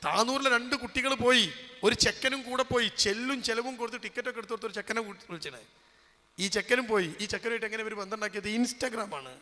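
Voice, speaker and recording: Male preacher, high bright voice, dramatic loud-soft sermon delivery, long hall reverb. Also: fast. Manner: dramatic, swinging from loud calls to hushed asides; rhetorical questions to the audience. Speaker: Islamic preacher and college lecturer.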